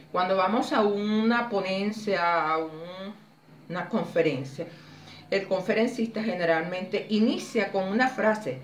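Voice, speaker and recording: A woman leading a public speaking workshop, explaining exercises clearly and demonstrating intonation with lively expression. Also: medium pitch, slight background noise. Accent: Spanish. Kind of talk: teaching a workshop. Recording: echoey room, voice from a distance.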